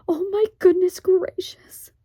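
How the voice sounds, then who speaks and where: A woman voicing a fretful tiny borrower mother who pleads in a husky whisper. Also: very high voice, steady tone, slow, mellow, no room sound, clean studio sound, pitched above the performer's own voice. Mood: pleading. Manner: pleading, fluttery.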